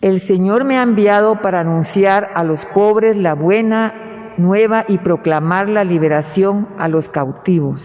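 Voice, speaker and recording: A man reading Scripture as lector at Mass, slow and deliberate, with cathedral echo around his voice. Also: high voice, loud music behind the voice. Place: large church. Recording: long church reverb, dull lo-fi sound.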